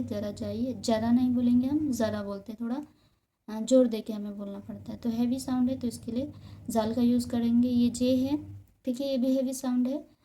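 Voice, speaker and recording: Mellow-voiced woman teaching letters. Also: fairly high pitch, slight background noise. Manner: patient, repeats example words slowly. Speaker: Urdu teacher. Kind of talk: beginner's Urdu alphabet lesson.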